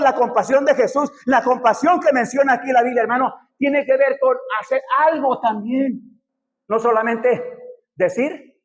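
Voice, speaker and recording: A man's voice: extremely high pitch, dull audio. A man with a Mexican Spanish accent, a pastor preaching a sermon full of rhetorical questions, recorded in a church hall.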